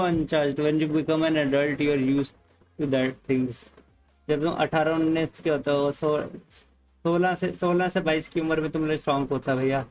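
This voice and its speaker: A man with an Indian accent streaming a game live, talking casually with viewers, mixing Hindi and English and telling the chat to calm down. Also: a little high, low-quality recording. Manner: easygoing, mixes Hindi and English, calms the chat. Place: home room, hot.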